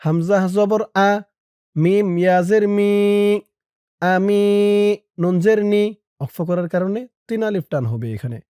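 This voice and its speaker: A Quran recitation teacher spells out Arabic letters and vowels, with brisk explanations between slow, drawn-out chanting of the verse. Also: mid-range voice, warm tone, clean tone, dry recording, clean studio sound.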